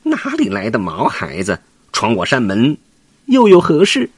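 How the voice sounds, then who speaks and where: A man's voice: mid-range voice, wildly swooping pitch, unhurried, breathy edge, dry recording, exaggerated voice. A man voicing a boastful, mocking monkey king in a children's story. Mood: taunting. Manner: mocking, laughing, brash.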